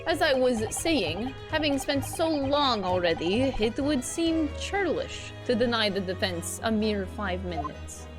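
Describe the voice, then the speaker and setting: A cold, superior aristocrat prosecutor from a video game, voiced by a woman. He speaks in a lowered, measured, haughty tone, every word weighted with disdain. Game music plays clearly behind him. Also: big pitch swings. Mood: cold, disdainful. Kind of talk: reading game dialogue aloud.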